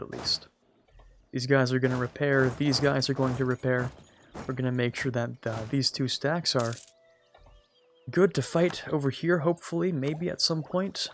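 This is casual gameplay commentary from a young man playing a strategy game, his medium-pitched voice gravelly, fairly bright, and slightly strained. Chatty and self-deprecating, he keeps talking to the computer rivals.

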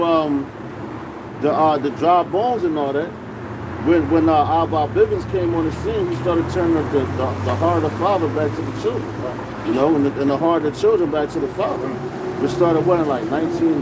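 A man in his forties preaches outdoors on a city street at night, his voice sitting a little high for a man. He talks loosely and conversationally, tossing in "man" and "you know" between scripture points. Clear traffic and street noise run behind him. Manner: casual, repetitive fillers like "man" and "you know". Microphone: camera phone close up.

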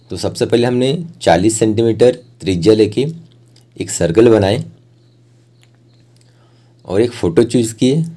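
This step-by-step instructional voice-over comes from a young man hosting an art tutorial. He speaks plainly in a lowish, very mellow voice, now and then stopping mid-sentence to search for the next word.

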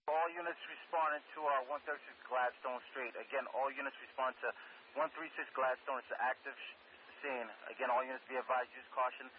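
A man's voice: medium pitch, steady tone, brisk. A male police dispatcher heard through a radio transmission, giving short, clipped calls and repeating each key detail. The sound is muffled and narrow, with a light hiss of static behind the voice.

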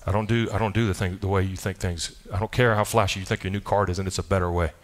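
Man, slightly low voice, animated conversational preacher delivering a sermon, lots of asides and quick restarts. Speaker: pastor. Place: church sanctuary.

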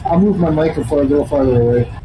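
A man's voice: on the high side, fast talker, crowd noise, low-quality recording. A man joking and rambling with his squad over push-to-talk group voice chat during an online game. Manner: joking, rambling, lots of "you know". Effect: heard over group voice chat, push to talk.

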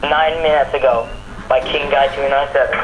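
A man's voice: medium pitch, steady tone, normal speed, dull audio. A male gamer chatting casually and rambling, often repeating his words and phrases. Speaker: gamer friend watching along. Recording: roomy echo. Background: video game music.

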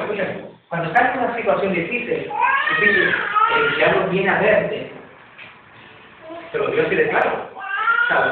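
A man from preaches in a church, repeating himself emphatically and leaping up in pitch. His voice sits high for a man. The recording is tinny and noisy and comes from far off in a very echoey hall. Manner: emphatic, repetitive, sudden jumps in pitch. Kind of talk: sermon.

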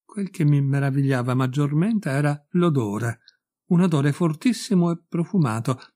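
A man narrating a short story as an audiobook reader, in a measured, clear storytelling delivery. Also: fairly high pitch, animated, mellow.

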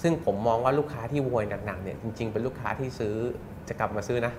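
Thirties man, guest on a TV business show; quick, explanatory, lapel mic, noisy background. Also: medium pitch. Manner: fast, explanatory, acts out customer quotes. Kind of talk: studio interview. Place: bright TV studio set.

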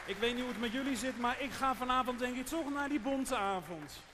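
A man in his thirties hosting a stage show, talking to the theater audience in a halting way with pauses, into a handheld microphone on a large stage. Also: very high-pitched, big-room sound, a loud crowd, very noisy. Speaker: showmaster and singer.

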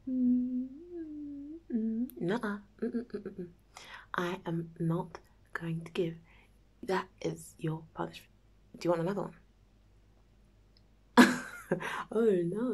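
In an intimate ASMR roleplay, a woman plays a playful, nervous young date, soft and halting and often close to a whisper. Her voice is lowish and husky, and she comes across as giggly and teasing.

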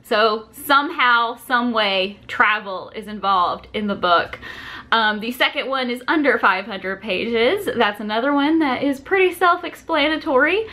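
A woman in her twenties with a fairly high, sharp-toned voice fronts a chatty explainer video about a reading challenge. She speaks informally to camera from a small furnished room indoors, using lots of filler words such as "like".

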